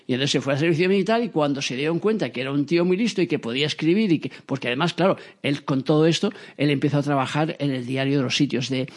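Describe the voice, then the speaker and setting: This is a man telling a story about his dad, rattling it off quickly with a somewhat high voice. Quoted lines get their own little voices, the energy stays lively, and he restarts a lot.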